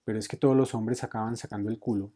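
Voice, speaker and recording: Man voicing a stubborn wary mother, dark mellow tone, storybook reading. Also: fairly low pitch, steady tone, fast, natural voice. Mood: doubtful.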